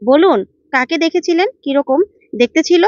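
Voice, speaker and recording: A woman voicing a sharp young woman investigator who questions and scolds sternly, in a dull, dry recording. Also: high voice, moderate pace, no echo, voice pushed up, lightly acted.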